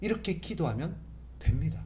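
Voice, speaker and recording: A man's voice: a little high, big pitch swings, normal speed, warm tone. A male pastor preaching a sermon in a conversational way, asking rhetorical questions, answering them emphatically, and acting out sample prayers. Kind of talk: sermon at a Friday prayer meeting.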